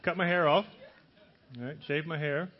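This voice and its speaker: Jittery middle-aged American preacher, slightly muffled. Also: male voice, fairly high pitch, steady tone, moderate pace. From Louisiana, American South. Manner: jittery, over-caffeinated, jumping between broken phrases. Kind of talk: casual, humorous sermon to a live congregation.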